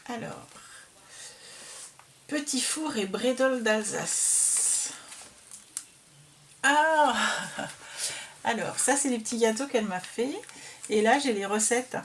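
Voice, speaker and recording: Woman, unhurried craft vlogger, hesitant with fillers, faint hiss behind. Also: fairly high pitch. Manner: slow, hesitant, filled with "euh". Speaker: craft vlogger showing a received album. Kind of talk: casual show-and-tell.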